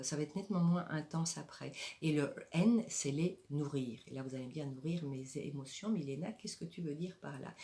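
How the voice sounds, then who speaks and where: A woman's voice: lowish voice, darkish tone. A woman with a French accent giving motivational advice to camera as a happiness coach, speaking expressively with frequent hesitations.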